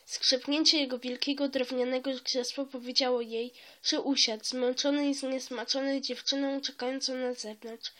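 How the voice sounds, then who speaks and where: Bright high-voiced woman reading a story. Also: level tone, normal speed, few pauses. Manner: reads steadily with occasional stumbles and restarts. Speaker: narrator.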